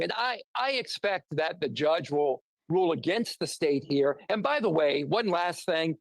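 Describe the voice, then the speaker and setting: A man's voice: on the high side, no room sound, poor audio. A man speaking as a defense attorney in a remote news interview, arguing emphatically and posing rhetorical questions. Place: near a road with passing traffic.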